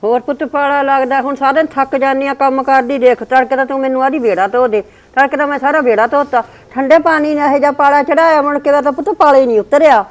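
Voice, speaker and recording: Woman doing a tired punjabi mother-in-law, high voice, grumbly and plaintive. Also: fairly even intonation, fast, few pauses, lightly acted. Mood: complaining. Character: put-upon older mother-in-law, weary and complaining. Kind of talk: scripted family skit.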